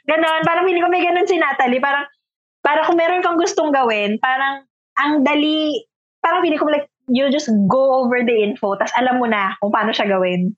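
High-voiced chatty woman, muffled sound. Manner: chatty, quick to agree, mixes Tagalog and English. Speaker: podcast co-host. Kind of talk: casual chat. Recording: dull, muffled audio.

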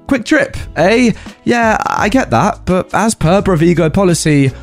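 A patient young store clerk, polite and firm, explaining the rules evenly, as a male narrator voices her. The voice stays close to the reader's own, slightly raised and lively in a storybook reading. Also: sits high, unhurried, faint music behind, voice pushed up.

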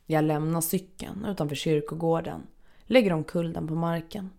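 A woman reading a first-person story aloud in a measured, unhurried, somber manner. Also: low voice, steady tone, gravelly, warm tone. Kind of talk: first-person scripted narration.

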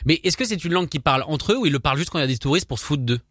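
A French man hosts a casual radio interview at a brisk clip. He teases and pokes fun at himself, often rambling through a question. The sound is dry, with hardly any room in it. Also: fairly high pitch, expressive, fairly bright tone, dry recording. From France. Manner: teasing, self-mocking, rambling. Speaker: radio host.

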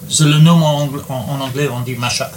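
Man, English accent, native English speaker, halting and searching for words, over clear background noise. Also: mid-range voice, steady tone. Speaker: author and guest. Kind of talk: casual interview chat.

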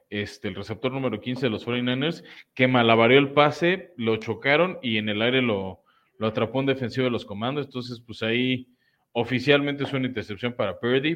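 A man's voice: medium pitch, a bit bright. Muffled-sounding man talking football. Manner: analytical, frequent fillers. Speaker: podcast co-host. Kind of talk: casual sports talk. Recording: muffled lo-fi audio.

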